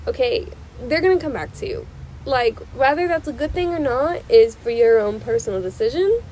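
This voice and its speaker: In poor audio with a bit of hiss or hum, a young vlog host with a stuffy nose sits on a porch outside while cars pass. She gives casual advice in a slightly high, mellow voice, insistent and reassuring, often repeating things for emphasis.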